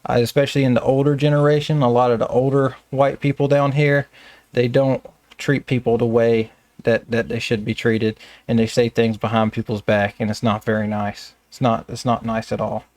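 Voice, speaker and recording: A man's voice: medium pitch, flat delivery, normal speed, darkish tone, no room sound. A man with a Southern American accent who runs a staffing business, telling stories in a casual, plainspoken interview.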